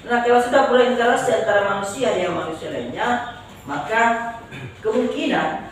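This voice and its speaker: A male law lecturer with a very high voice and a mixed Makassar and Javanese Indonesian accent speaks at normal speed in a joking classroom lecture. He teases his students and often tags sentences with "ya", recorded from afar in a noisy, echoey university lecture room.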